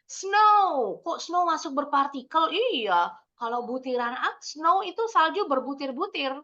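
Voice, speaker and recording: A young Indonesian woman teaching English to children in a video call, explaining with lively, sing-song questions. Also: high voice, normal speed. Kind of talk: online kids' English lesson. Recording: dull lo-fi video call audio.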